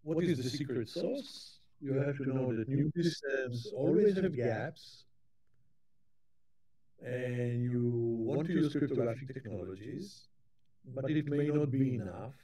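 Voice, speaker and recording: Slow, mellow-voiced man giving a keynote. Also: medium pitch. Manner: halting, with frequent restarts and repeated words. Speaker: keynote speaker. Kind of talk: conference keynote lecture.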